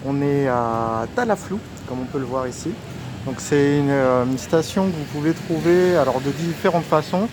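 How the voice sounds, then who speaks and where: A man's voice: on the high side, normal speed. A man giving a casual walking tour as a vlogger, his voice slightly muffled through a face mask, outdoors on a busy street. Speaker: vlogger, street food guide. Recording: outdoor street recording with clear traffic noise. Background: urban street noise, vehicles.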